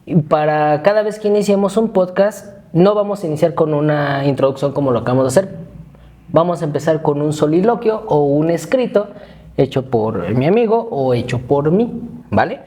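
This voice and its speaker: A podcast co-host in his thirties, Mexican-accented, keeps the casual chat light and joking and reads his own essay aloud. His voice is on the high side and dark in tone, animated and at a moderate pace.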